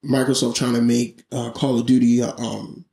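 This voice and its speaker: A man co-hosting a casual podcast chat, telling stories in an animated way and often repeating his words. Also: medium pitch, normal speed, gravelly, roomy sound. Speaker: podcast co-host.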